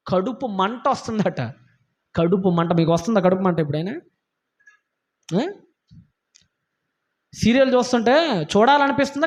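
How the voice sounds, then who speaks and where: A man preaching a sermon in a church, scolding his listeners with emphatic rhetorical questions. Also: extremely high pitch. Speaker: pastor. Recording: dull lo-fi sound.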